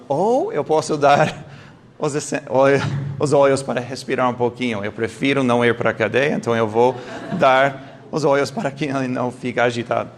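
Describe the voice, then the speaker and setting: A man's voice: medium pitch, slight background noise. Man lecturing a live audience. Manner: lively storytelling, quizzes the audience, occasional non-native slips.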